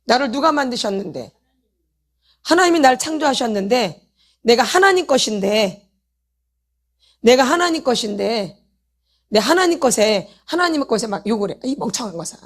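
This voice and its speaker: A woman's voice: on the high side, lively intonation, moderate pace, long pauses. A woman, a pastor's wife leading a healing meeting, preaching a sermon and pressing her congregation with repeated rhetorical questions. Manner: addresses the congregation directly, calls for repentance.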